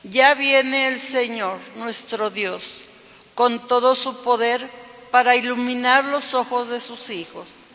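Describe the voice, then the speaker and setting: A cantor at mass, a man with a very high voice, recites the psalm in a slow, measured way and sings the alleluias. His bright tone is carried by a long cathedral echo. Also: steady tone, slight background noise. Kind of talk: liturgical reading with sung refrains. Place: large church. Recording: long church reverb.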